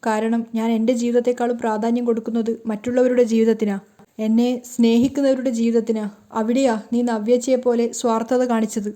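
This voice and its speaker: A woman's voice: a little high, level tone, brisk, mellow, lightly acted. A woman voicing a hurt, tearful young married woman who pleads and scolds.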